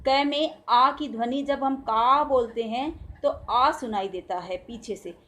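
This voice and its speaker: Casting: high-pitched woman teacher, Indian Hindi accent, patient and slow, stretches out each syllable for small children to repeat. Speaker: school teacher. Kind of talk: recorded Hindi grammar lesson for young children.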